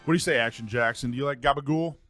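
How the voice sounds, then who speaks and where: A man's voice: medium pitch, racing, fairly bright tone, faint music behind. A man hosting a talk radio show, chatting casually and joking with his co-hosts, often restarting his sentences.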